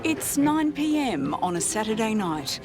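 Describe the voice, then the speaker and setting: A woman's voice: fairly high pitch, very animated, a little slow, over music. A woman with an Australian accent reading scripted documentary narration.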